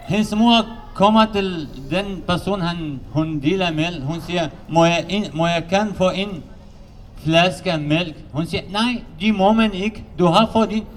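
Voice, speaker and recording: A man who learned Danish as another language, giving a halting public testimony at a gathering, with many restarts and rising heat. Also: high voice, a little hiss or hum. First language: not Danish. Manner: halting, non-native Danish with many restarts, growing heated. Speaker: asylum seeker speaking at a public meeting.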